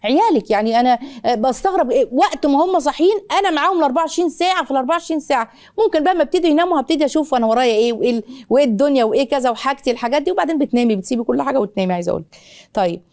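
A middle-aged woman with an Egyptian accent hosting a parenting advice show, giving rapid, animated answers to viewer questions with playful voices and many restarts. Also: sits high. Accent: Egyptian Arabic.

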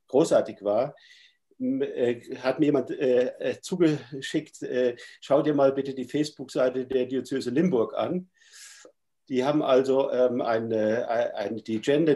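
This middle-aged man's mid-range voice has a dark tone, thickened by a stuffy cold. He lectures thoughtfully and hesitantly from a room in his home, heard through a webcam on a video call.

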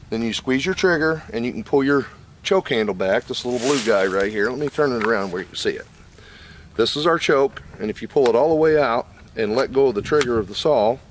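A man's voice: mid-range voice, slight background noise. An older man hosting his channel, casually explaining and demonstrating a chainsaw in a wooded lot, folksy and plain with fillers, recorded by a camera mic. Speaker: channel host reviewing a chainsaw.

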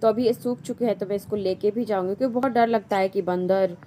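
A woman's voice: medium pitch, steady tone, fast, mellow, a little hiss or hum. A young woman narrating her family vlog in a chatty, homely way, talking straight to her viewers. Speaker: family vlogger.

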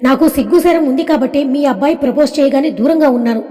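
Young woman pushing back, defensive, high voice, lots of reverb, narrator voicing her. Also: quick pace, mellow, lightly acted. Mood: defiant. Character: young woman, hurt but defiant. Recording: long reverb.

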